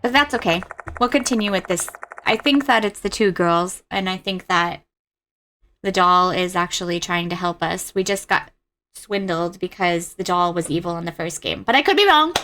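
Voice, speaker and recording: A woman's voice: fairly low pitch, steady tone, normal speed, a bit bright, slight background noise. A woman game streamer who reads story text aloud dramatically and breaks off into casual, blunt, sweary commentary. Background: game music behind the voice.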